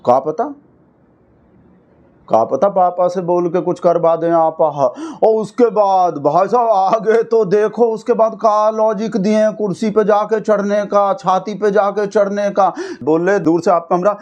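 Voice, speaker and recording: A man with a high voice and a lilt riffs on news clips, teasing and chatty. He pokes fun at everyone in a loose, talkative style, throwing in friendly asides. The delivery is comic satire, not straight news. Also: steady tone, a little slow, darkish tone, highs cut off. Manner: mocking, chatty, repeats "bhai sahab". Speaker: satirical commentator.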